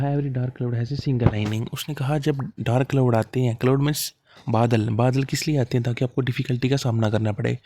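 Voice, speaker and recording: A man's voice: mid-range voice, warm tone. Chatty man teaching idioms. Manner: explains step by step, asks and answers his own questions, acts out little dialogues. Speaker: exam coaching teacher. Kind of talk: casual classroom explanation of idioms.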